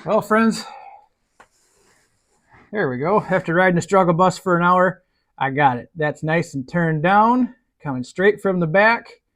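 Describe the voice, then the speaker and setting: A man's voice: sits high, expressive, unhurried, long pauses, a bit bright. A man narrating casually to his viewers while he works on a tractor in his barn, in a folksy, easygoing way. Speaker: DIY tractor mechanic.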